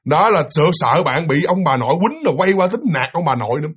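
Young male storyteller, high and husky, quick and very lively, slips into character voices. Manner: lively, acts out voices of father and child. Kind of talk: animated ghost-story telling.

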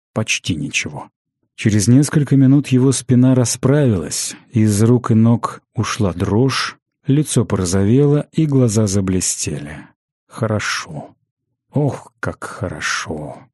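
A man narrating a fantasy audiobook in a measured, even storytelling manner on a close studio mic. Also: lowish voice, no room sound.

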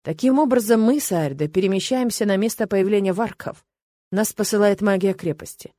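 A woman reading the lines of a smug, softly commanding male mage in an audiobook, in a dry close sound. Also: mid-range voice, brisk, no room sound, close to an everyday voice. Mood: calm, commanding. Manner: soft, commanding tone.

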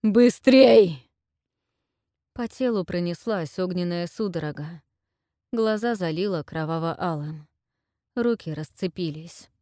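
Woman narrator, audiobook reading, slow, lowish voice, dry close sound. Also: a little mellow, no echo. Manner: measured, deliberate reading. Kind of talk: scripted narration.

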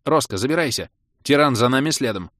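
A man voicing a brash, hot-tempered young father who talks loudly and excitedly. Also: mid-range voice, fairly quick, no echo, studio quality, pitched above the performer's own voice, lightly acted. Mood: blustering. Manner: loud, blustering, excited.

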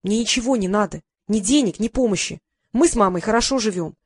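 A woman reading the lines of a calm, stubborn teenage girl in an audiobook. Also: medium pitch, a little fast, breathy edge, no room sound, studio quality. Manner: calm and matter-of-fact.

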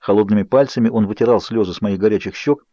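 A man narrating an audiobook in an expressive, measured voice. The recording is dry, with a slightly dull, muffled tone. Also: lowish voice, no room sound. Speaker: audiobook reader. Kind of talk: scripted narration.

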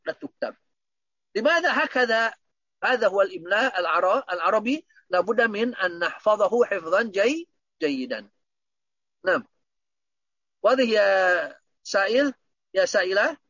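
A man's voice: high-pitched, expressive, normal speed, long pauses, fairly bright tone, no echo, muffled recording. A man teaching Arabic grammar online, patiently repeating points and quizzing his students.

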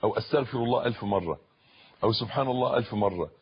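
A man with an Egyptian accent preaching a sermon in a husky voice, repeating phrases and building to loud emphatic peaks. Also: medium pitch, rapid-fire, lo-fi sound. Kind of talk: Islamic sermon in colloquial Arabic.

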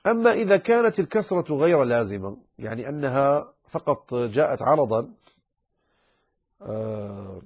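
A man teaching a recitation lesson, explaining rules patiently and pausing with drawn-out fillers while he models correct and wrong readings. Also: mid-range voice, very animated, muffled recording. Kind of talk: tajweed lesson with recited examples.

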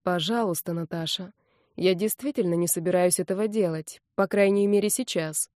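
A woman's voice: fairly low pitch, normal speed, a little mellow, no echo, studio quality, lightly acted. A woman voicing a grumbling reckless young man. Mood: pleading softly.

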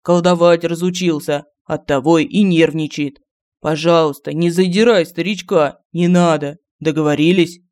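A man's voice: a little high, steady tone, normal speed, darkish tone, lightly acted. Semyon, a man doing a polite young peacemaker. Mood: soothing. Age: young adult. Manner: polite and firm.

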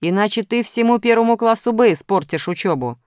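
A woman's voice: on the high side, lively intonation, brisk, darkish tone, smooth, dry recording, clean studio sound, voice pushed up, natural voice. A woman voicing a strict male plus sign who threatens punishment in a storybook.

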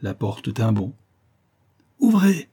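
A man narrating a classic novel as an audiobook reader, with a steady, measured storytelling delivery. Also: lowish voice, husky.

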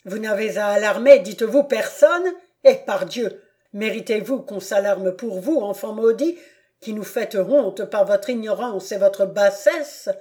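A woman's voice: mid-range voice, a little slow, mellow, close to an everyday voice. A woman voicing a proud, furious aristocratic father who thunders accusations at his son in an audiobook.

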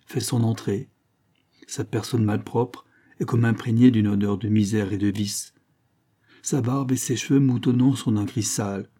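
Male audiobook narrator, low-pitched, very dark and husky, measured literary reading.

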